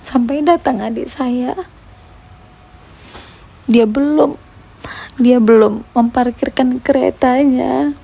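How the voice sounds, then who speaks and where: High, gravelly woman. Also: fairly even intonation, warm tone. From Medan, Indonesia. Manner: halting, fragmented recounting. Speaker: mother filing a police report. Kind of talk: personal account for a news report.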